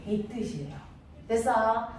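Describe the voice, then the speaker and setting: A woman with a high voice teaches a science class, firing off playful check questions to her students. She sounds distant from the mic, in a very echoey room. Steady noise runs under the recording. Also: a little slow. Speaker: middle school science teacher. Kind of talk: classroom lesson with call-and-response questions.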